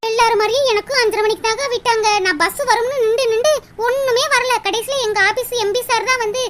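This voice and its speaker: A woman does a polite, eager young woman who has just started office work, deferential in every line. Her voice is very high, with a steady hiss behind it. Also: fast. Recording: noisy recording with steady hiss.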